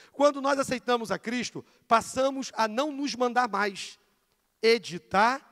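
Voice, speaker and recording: A man from Rio de teaching the Bible in a church, fervent, swinging between loud exclamations and hushed asides as he acts out dialogue. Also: high voice. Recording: long hall reverb.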